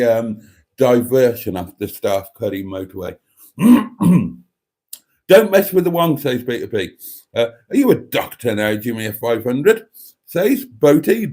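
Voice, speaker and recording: Speaking at a medium pitch with a darkish tone, this man hosts a casual livestream from a cold room at home. He reads viewer comments aloud in a cheeky, chatty manner and addresses his audience as darlings.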